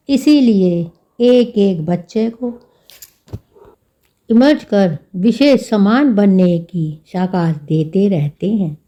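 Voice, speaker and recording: A woman reading a devotional scripture text aloud in a slow, measured recitation. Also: mid-range voice, dark tone. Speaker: spiritual reader.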